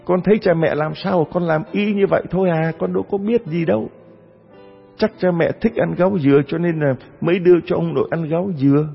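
A man's voice: fairly high pitch, fairly quick, creaky, breathy edge, big-room sound, dull audio, faint music behind, voice pushed up. A man doing an innocent little boy. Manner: artless, earnest explaining.

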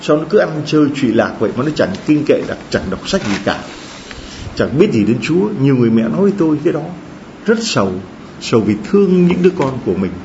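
A male priest delivers a sermon with a very lively, swooping pitch, rising high for emphasis and dropping low and soft. He throws rhetorical questions at his listeners. The recording is slightly dull, with a faint hiss behind it. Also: fast talker. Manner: animated preaching with rhetorical questions and acted-out quotes.

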